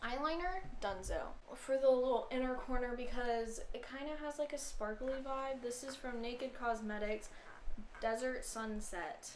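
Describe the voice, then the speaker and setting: A young woman chatting casually as she talks through a makeup tutorial step by step, giggly and relaxed. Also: fairly high pitch, moderate pace. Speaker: makeup vlogger. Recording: echoey room with clear background noise.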